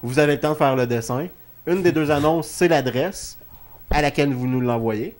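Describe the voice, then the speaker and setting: A man's voice: a little high, moderate pace, darkish tone. A man with a Quebec French accent hosting a wrestling talk show in a casual, joking, chatty way. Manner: informal, joking. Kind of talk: casual studio chat.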